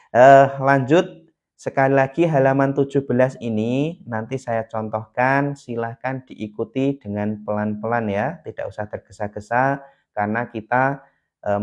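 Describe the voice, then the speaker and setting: A man's voice: medium pitch, darkish tone. A man teaching beginners to read the Quran on a live stream, patient and repeating key points, at times chanting syllables in a melody.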